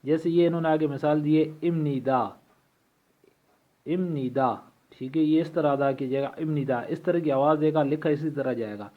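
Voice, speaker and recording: A man teaching a language lesson from a textbook, reading vocabulary slowly and repeating each word for practice. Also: a little high, steady tone. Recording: tinny phone-like recording.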